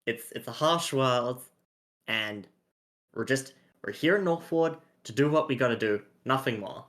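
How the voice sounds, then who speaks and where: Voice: medium pitch, expressive, a little slow, fairly bright tone. A cold, stern mercenary woman from a tabletop game speaks in blunt, curt words, as a player puts her on. She is a hard, guarded fighter, unsmiling and impatient.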